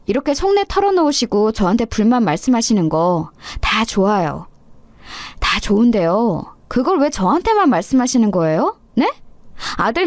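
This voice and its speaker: A woman's voice: fairly high pitch, a little mellow, dry recording. A woman voicing an insolent young daughter-in-law who needles her mother-in-law with smug, sarcastic politeness.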